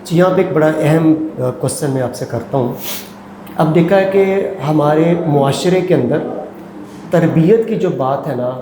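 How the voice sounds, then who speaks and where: A man interviewing a guest, asking formal, measured questions. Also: on the high side, echoey room, in a large hall, background noise.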